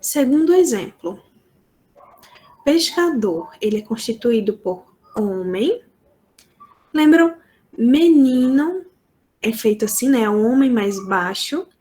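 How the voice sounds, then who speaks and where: Woman teacher, Brazilian Portuguese accent, unhurried, slightly high voice, patient step-by-step explaining. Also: lively intonation, darkish tone. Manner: slow, deliberate explaining with frequent checks for understanding. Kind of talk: online lesson explaining sign language phonology.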